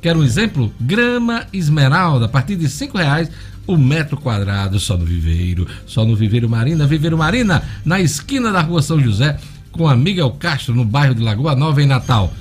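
An animated man with a Northeastern Brazilian accent delivers a hard-sell radio ad. He punches and repeats the key offers like a seasoned host, his voice a little high, over faint music. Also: normal speed.

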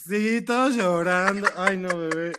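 A man chatting casually with an old friend, telling stories in a playful, animated way. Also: high voice, unhurried, very noisy. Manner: animated, playful storytelling with bursts of laughter. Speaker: podcast guest.

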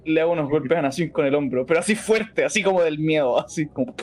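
A man with a Chilean Spanish accent, a player in a tabletop role-playing game, talking excitedly and casually. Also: fairly high pitch, fast, a little hiss or hum. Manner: excitable, jumpy, laughs a lot. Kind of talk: casual role-play chat.

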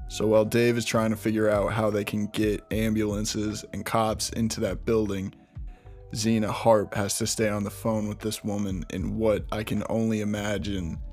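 A man's voice: fairly low pitch, darkish tone. A man hosting a true crime podcast, recounting a case in a casual, conversational way with frequent restarts and asides. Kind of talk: casual storytelling narration.

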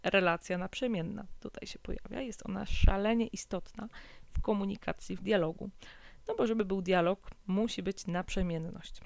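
A woman hosts an informative podcast in a calm, measured way. Her voice carries a gravelly fry. The sound is dry and close, with no room echo. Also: medium pitch. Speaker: podcast host.

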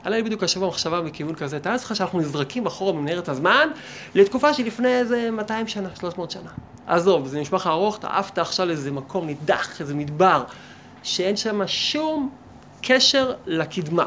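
High-voiced, animated male rabbi teaching. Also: a little hiss or hum. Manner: animated, asks many rhetorical questions and acts out imagined dialogues. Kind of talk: lively Torah lesson.

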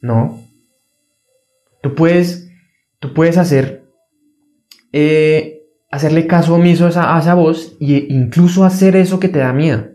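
A motivational speaker gives an earnest self-help talk in a warm voice, speaking at a measured pace with frequent pauses. He repeats key phrases for emphasis and acts out a fearful inner voice by raising his pitch.

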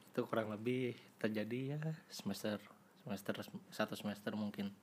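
A man's voice: lowish voice, steady tone, moderate pace. A young man, speaking through a voice changer as a guest in a casual confessional chat, hesitant and full of fillers and restarts. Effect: voice changer disguising his voice. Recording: noisy recording.

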